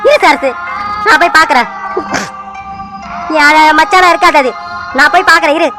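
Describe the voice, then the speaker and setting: A woman's voice: high voice, normal speed, music in the background, natural voice, poor audio. A woman voicing an insistent, agitated middle-aged village man in a cartoon who refuses to believe bad news.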